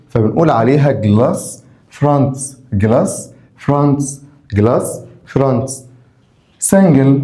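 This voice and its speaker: Egyptian teacher drilling English words. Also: male voice, medium pitch, dark tone, echoey room. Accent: Egyptian Arabic. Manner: repeats each English word slowly, then explains it in Arabic; asks rhetorical questions to prompt students. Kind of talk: vocabulary lesson for school pupils.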